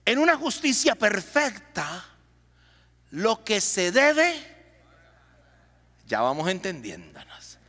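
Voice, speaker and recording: A man's voice: sits high, huge pitch swings, slow, long pauses, sharp tone. A man preaching a sermon as pastor, calling on the congregation to repeat lines after him. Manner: preaching with call-and-response to the congregation. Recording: long hall reverb.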